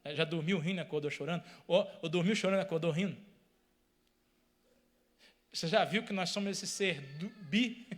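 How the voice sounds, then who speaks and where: A man's voice: high-pitched, moderate pace, long pauses. A man preaching a sermon, speaking emphatically, repeating phrases and addressing the congregation directly.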